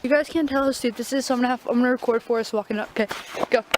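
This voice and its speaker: A young woman chats excitedly while hiking near a waterfall, her voice high and quick to rise. She films on a handheld phone, and a steady hiss of outdoor noise runs behind her. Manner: excitable, breathless. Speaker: vlogger. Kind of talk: casual outdoor vlog. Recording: noisy outdoor phone recording.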